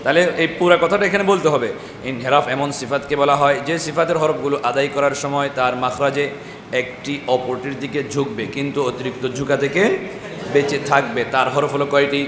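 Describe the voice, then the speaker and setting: A man's voice: mid-range voice, fairly even intonation, a little fast, a crowd in the background. Man teaching tajweed in an echoey hall. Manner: drills students with repeated questions and chanted syllables. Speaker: Quran recitation teacher. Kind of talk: classroom tajweed lesson. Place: large echoey madrasa classroom with students. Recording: echoey hall with noisy class.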